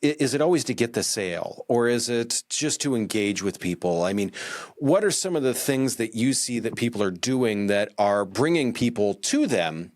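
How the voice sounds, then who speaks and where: A man's voice: medium pitch, no echo, studio quality. A man hosting a podcast interview, talking casually with lots of fillers and restarts. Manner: animated, many fillers and restarts. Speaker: podcast host. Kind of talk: conversational interview.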